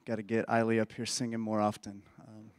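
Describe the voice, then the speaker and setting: A man, a pastor whose voice is hoarse from illness, praying and preaching in an earnest, folksy way that often restarts phrases. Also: lowish voice, monotone, a little fast. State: hoarse, losing his voice. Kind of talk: sermon with opening prayer. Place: church sanctuary. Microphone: handheld or stage mic. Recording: dry close mic with long hall reverb.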